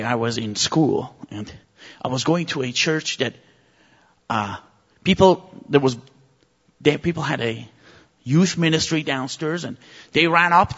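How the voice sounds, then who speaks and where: Delivering a fervent sermon packed with vivid stories, this native Persian speaker from Iran has a slightly high, fairly bright voice. The audio comes through muffled and drenched in long reverb.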